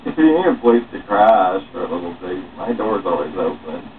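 A man's voice: low-pitched, big pitch swings, normal speed. Young man reading aloud, tinny distant recording. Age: young adult. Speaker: author reading own script aloud. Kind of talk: dramatic reading of dialogue, playing all parts. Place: small room at home, seated. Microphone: far camera or webcam microphone. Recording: muffled phone-like webcam sound, distant, noisy.

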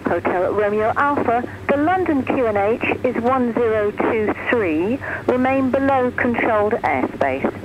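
A woman's voice: on the high side, animated, unhurried, hardly any pauses, muffled recording. A woman working as an air traffic controller, giving formal radio instructions heard over a pilot headset.

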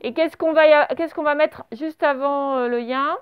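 High-voiced teacher dictating words slowly. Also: female voice, fairly even intonation, no room sound. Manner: slow, clear dictation, spelling out letters and syllables. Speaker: primary school teacher. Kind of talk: classroom dictation lesson. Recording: slightly dull lo-fi recording.

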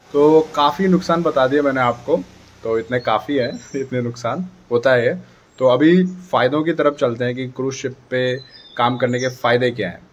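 Indoors in a dim room beside a dark door, a thirtysomething vlogger chats casually into a phone camera at arm's length, offering advice to viewers with lots of gestures. His voice is medium-pitched, and the recording has its highs cut off.

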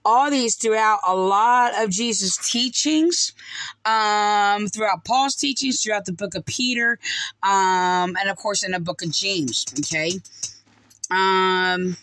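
A middle-aged woman with a medium-pitched, fairly bright voice speaks slowly and casually into a phone held close to her face in a dim room. As a video commentator, she remarks on scripture with many fillers, restarts and hesitations, and the audio is poor.

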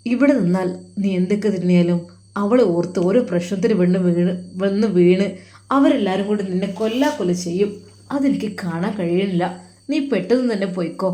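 A woman's voice: mid-range voice, natural voice. A woman voicing a young man who comforts and protects his close friend. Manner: gentle, comforting.

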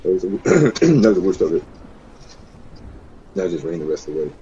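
A man's voice: low-pitched, sing-song, normal speed, dark tone, husky, dull audio. A man live-streaming in casual talk, muttering and cursing with irritation.

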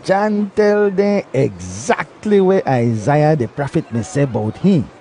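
Slow, mellow Belizean Kriol male narrator. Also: a little high, sing-song, a little hiss or hum. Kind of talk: scripted story narration.

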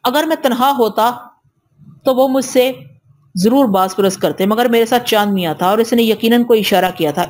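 A woman reading an audio novel aloud in first person, steady and measured. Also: medium pitch.

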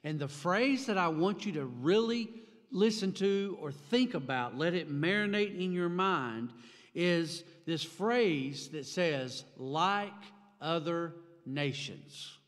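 A pastor in his forties preaches from a pulpit microphone. His fairly high voice climbs sharply when he stresses a point, and the delivery stays emphatic throughout. Long reverb from the church sanctuary hangs behind every phrase. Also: lively intonation, takes it slowly. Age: 40s. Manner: emphatic, gesturing widely, rising for emphasis. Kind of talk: sermon. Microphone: stand mic at a pulpit.

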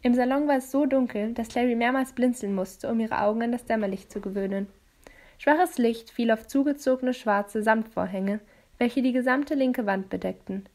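A woman reading a novel aloud as an audiobook, narrating in a calm, even way. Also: a little high, moderate pace. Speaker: audiobook reader. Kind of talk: storybook narration.

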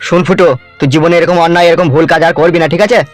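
A man's voice: fairly high pitch, level tone, racing, soft background music, close to an everyday voice. A man voicing an older uncle who lectures and coaxes his family toward peace in a comedy cartoon. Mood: coaxing. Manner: coaxing, lecturing. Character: older uncle, calm peacemaking village elder.

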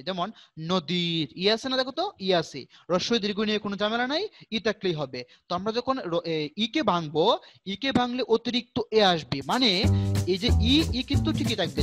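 A man's voice: high-pitched, a bit bright, no echo. A young male teacher, giving an online grammar class and quizzing students with repeated questions. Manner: drills students with repeated call-and-response questions.

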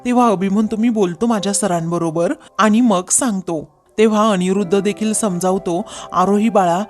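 Woman, serial recap narration, all characters in her own voice, mid pitch, faint music behind. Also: normal speed. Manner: reads every character's lines in her own voice. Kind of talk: retelling a TV serial episode.

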